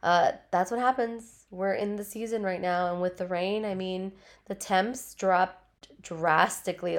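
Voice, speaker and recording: This woman speaks at a medium pitch as she hosts her podcast from home, her dogs nearby. The talk is loose and rambling, full of swear words and "like," and she sounds stuffed up, her voice barely back after a cold.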